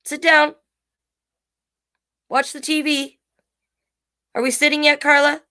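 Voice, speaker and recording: In a high-pitched, pushed, bright voice, a woman takes her time reading picture books for a children's storytime, though her delivery is flat. She stays playful and encouraging, with chatty asides to young viewers during the animated read-aloud.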